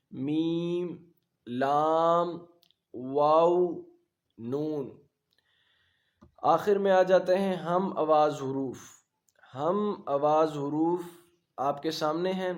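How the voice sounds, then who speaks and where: Patient male instructor, a touch high-pitched, slow emphatic letter drills. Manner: patient, repeats letters slowly and loudly. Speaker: Quran reading teacher. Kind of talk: beginner recitation lesson.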